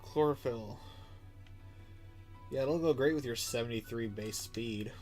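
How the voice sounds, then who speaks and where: Faint music plays behind a young man's mid-range, slightly mellow voice as he streams a game at a measured pace. Congested and stuffy, he keeps up a chatty, rambling commentary packed with fillers.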